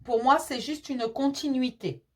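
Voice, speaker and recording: A woman medium gives a casual tarot reading in a high, steady voice with a breathy edge, speaking at a measured pace. She is reassuring and chatty, affectionately calling the listener "mon petit chéri" and filling her talk with frequent fillers and repeats.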